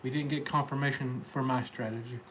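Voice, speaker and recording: A Tennessee man, a day trader hosting a livestream, chats informally with the viewers in his chat. He talks a little fast in a mid-range, slightly bright voice with fairly even intonation, and the audio is poor with slight background noise.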